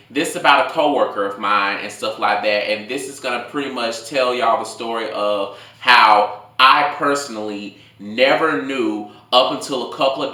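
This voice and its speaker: A man in his late twenties telling a casual, rambling story in slangy, animated talk as a food vlogger. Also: medium pitch. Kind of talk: casual storytime told over a meal. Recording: echoey room.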